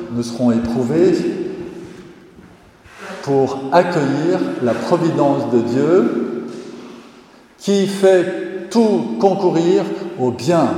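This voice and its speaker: A male preacher giving an emphatic sermon, pushing key words out loudly and repeating phrases for weight, heard from far off in a large echoing church. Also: mid-range voice, slight background noise. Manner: emphatic, with sudden rises in volume and repeated phrases. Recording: echoey hall, voice far from the mic.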